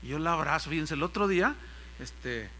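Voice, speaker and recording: An older man preaches with a Mexican accent, his voice pitched high and ringing very bright. He tells homely stories in his sermon and acts out the people in them. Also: expressive, brisk, slight background noise. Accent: Mexican Spanish. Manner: folksy storytelling, mimics voices in anecdotes. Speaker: pastor.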